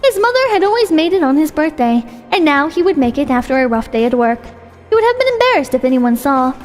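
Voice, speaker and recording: A woman's voice: high voice, very animated, fast talker. A woman reading a short story aloud as its narrator. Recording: long hall reverb with music.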